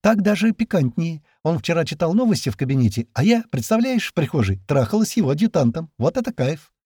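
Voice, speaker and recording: A man's voice: fairly high pitch, big pitch swings, normal speed, warm tone, husky, no room sound, studio quality, pitched above the performer's own voice. A man voicing a naive, teasing young woman who grows insistent, read for an audiobook. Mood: playful. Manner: playful, innocent, then insistent.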